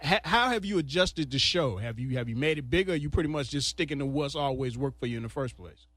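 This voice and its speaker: A man's voice: mid-range voice, lively intonation, quick pace, fairly bright tone. A man hosting a radio interview, talking eagerly and conversationally like a fan. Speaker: radio host.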